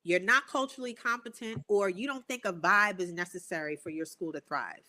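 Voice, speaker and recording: A woman's voice: mid-range voice, a little fast, bright, forceful tone. A woman hosting a podcast, talking in an emphatic, playful and slangy way. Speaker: podcast host. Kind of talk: casual podcast chat.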